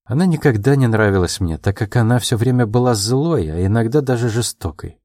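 A man voicing a proud, quick-tempered young woman in an audiobook, her lines pitched a little above his own and delivered in quick, emotional replies. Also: animated, darkish tone, dry recording, clean studio sound, lightly acted. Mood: brisk, frank.

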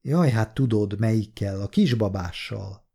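A man's voice: lowish voice, creaky, mellow, slightly rough. A man reading a tearful, tired young woman. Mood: weary, tearful. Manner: faltering, tearful pleading. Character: young woman, distressed daughter, worn out.

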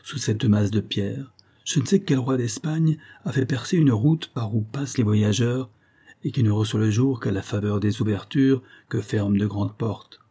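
A man narrating a literary audiobook in a measured, expressive storytelling manner. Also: lowish voice, breathy edge.

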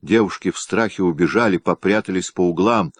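A man narrating a historical novel aloud in a measured, expressive reading. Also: deep voice, no room sound. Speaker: audiobook narrator.

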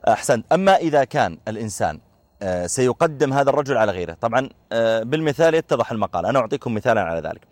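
A man teaching a conversational religious lesson, explaining through everyday examples with frequent filler pauses. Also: mid-range voice, very animated, darkish tone, no room sound.

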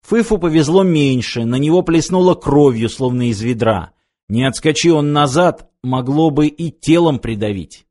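A man narrating an action novel aloud, steady and measured in his reading. His voice sits at a middle pitch for a man, even and unhurried. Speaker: audiobook narrator. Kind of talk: scripted narration.

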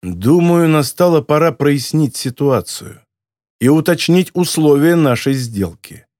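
A man voicing a condescending, sinister bald American man in an audiobook, speaking in a cold, mocking, deliberate way. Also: fairly high pitch, expressive, a little mellow, no room sound, clean studio sound. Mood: menacing. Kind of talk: audiobook character voice.

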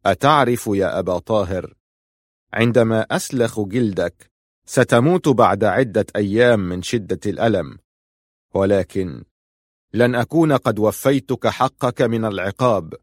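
A man reading the part of a cold, vengeful male ruler who speaks calmly and mockingly. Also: lowish voice, moderate pace, dry recording, clean studio sound, close to an everyday voice. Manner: calm, cutting and mocking.

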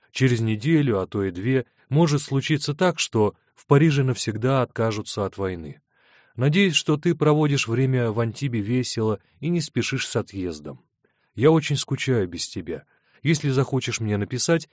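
A man voicing a young woman's affectionate letter to her lover, read softly in an audiobook. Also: mid-range voice, no echo, studio quality, close to an everyday voice.

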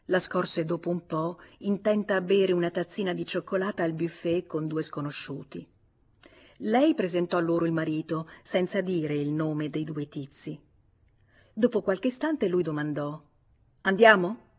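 A woman narrating an audiobook with measured, even storytelling. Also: on the low side, husky. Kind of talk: audiobook reading.

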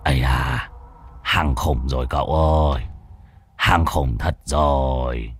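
A man voicing an old male sorcerer who speaks in a low, slow, gruff drawl. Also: steady tone, heavily acted.

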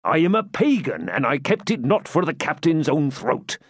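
A man voicing a brawling, boastful burly friar, speaking bluff archaic English in a raised, drawn-out voice. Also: a little high, sing-song, slightly rough, dry recording, clean studio sound, voice pushed up. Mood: blustering. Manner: bluff, blustering archaic speech.

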